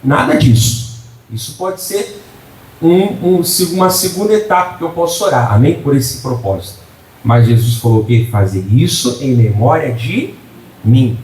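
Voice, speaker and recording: Pastor preaching in a roomy church. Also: male voice, medium pitch, animated, measured pace, a little mellow. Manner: rhetorical questions with call-and-response "amém?"; jokey asides to the congregation. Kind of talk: preaching a sermon. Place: church before a congregation. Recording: roomy hall, mic at a distance.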